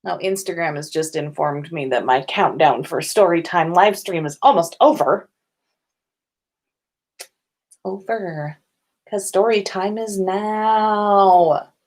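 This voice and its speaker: Chatting with viewers on a casual at-home livestream, the woman hosting this podcast speaks slowly and pauses often. Her voice sits on the low side and sounds a little mellow, and her informal talk is peppered with cursing and giggles.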